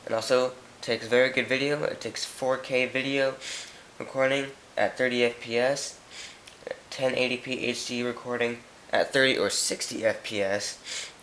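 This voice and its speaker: Speaking at a moderate pace with fairly even intonation, a man with a medium, fairly bright voice and a stuffy nose runs through phone specs off camera. It's a casual tech walkthrough full of chatty self-corrections, captured on a low-quality recording with a little hiss or hum.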